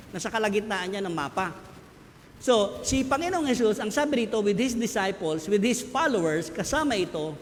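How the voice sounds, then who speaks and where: A man's voice: high voice, slight background noise. A man with a Filipino accent preaching a sermon, explaining scripture in mixed English and Tagalog with rhetorical questions. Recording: long hall reverb, faint ambience.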